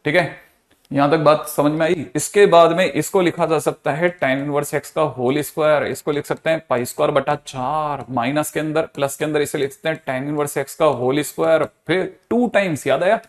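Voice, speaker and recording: A man's voice: on the high side, fairly even intonation, moderate pace. A man teaching maths in a live online class, working a problem step by step in Hindi mixed with English terms, calling students by name and often asking if they follow. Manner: calls out student names, quizzes often, reads steps aloud.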